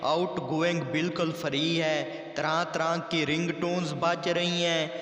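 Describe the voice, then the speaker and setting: A man reading a string of short jokes aloud in an unhurried, sing-song way. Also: fairly high pitch, little pitch movement, a bit bright. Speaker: joke narrator. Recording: echoey room with long reverb.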